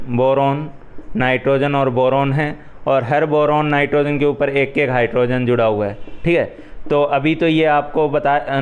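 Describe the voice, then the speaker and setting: A man's voice: mid-range voice, clean tone. A male chemistry teacher with a Hindi accent, giving an exam revision lecture and explaining each step patiently with frequent check-ins to students. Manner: explains step by step, repeats "ठीक है" often.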